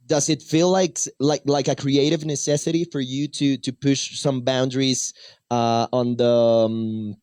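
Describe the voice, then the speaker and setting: Radio host, dry booth sound. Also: male voice, medium pitch, darkish tone, no echo. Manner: halting, repeats words while asking long questions. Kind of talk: bilingual radio interview.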